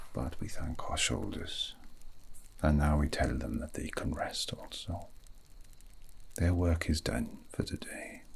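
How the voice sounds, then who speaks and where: Whispering low and breathy with a slight hiss or hum, a man fully inhabits the character of a gentle, wistful fantasy mage. In this ASMR roleplay he soothes a weary friend to sleep in formal, poetic language.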